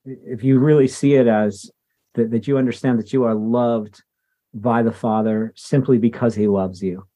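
A man's voice: mid-range voice, steady tone, moderate pace, dark tone. A man hosting a podcast interview, conversational and affirming toward his guest. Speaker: podcast host.

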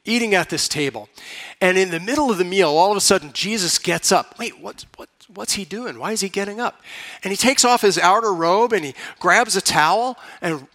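A man preaching a sermon as pastor, telling the story dramatically and dropping to a hush for emphasis. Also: sits high.

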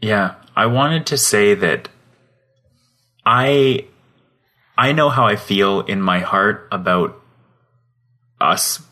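A Canadian man with a very deep yet bright, forceful voice co-hosts a podcast. He chats casually, laughing often and feeling his way through his words. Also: slow pace, long pauses. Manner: laid-back and laughing, searching for words. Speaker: podcast co-host.

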